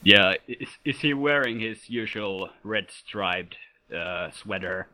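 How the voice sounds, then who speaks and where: A man's voice: fairly low pitch, animated, takes it slowly, pushed and bright. A man from Sweden answering interview questions as a competitive player, with dry humor. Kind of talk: casual interview.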